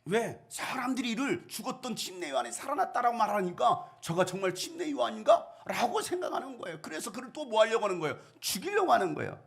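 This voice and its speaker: A man's voice: high-pitched, fast talker, vocal fry, few pauses. A middle-aged man preaching a sermon as pastor, asking the congregation questions and acting out the voices in the story. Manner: animated, acts out quoted voices, asks the congregation questions.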